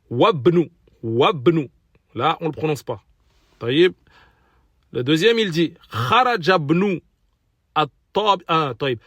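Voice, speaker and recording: A man's voice: on the high side, a bit bright, dry recording, clean studio sound. A man teaching an Arabic lesson in French, patiently repeating and spelling out pronunciations for learners. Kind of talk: recorded language lesson.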